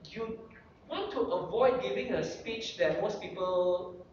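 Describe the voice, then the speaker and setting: At a club meeting, a guest speaker gives a motivational workshop on public speaking tips, coaching with animated delivery and rhetorical checklist questions. The mid-range voice moves at a slow pace, with a little hiss or hum, picked up by a distant, dull lo-fi mic in a very echoey room.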